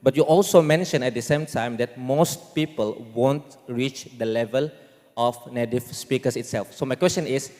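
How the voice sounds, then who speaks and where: A man's voice: mid-range voice, normal speed, a little mellow. Indonesian-accented man in an echoey hall. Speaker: audience member asking a question. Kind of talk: formal question from the floor. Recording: echoey hall with long reverb.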